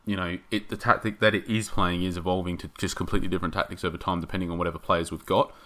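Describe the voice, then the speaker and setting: A man giving casual game commentary, thinking aloud and rambling with hesitations, his voice getting hoarse. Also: low-pitched, level tone, rapid-fire, pushed and bright.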